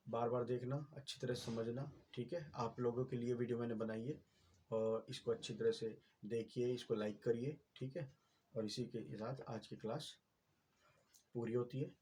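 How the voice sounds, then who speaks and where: Patient man teaching with a husky voice. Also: mid-range voice, fairly even intonation, normal speed, dark tone. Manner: patient, repetitive explaining with many fillers. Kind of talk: explaining lesson on a whiteboard.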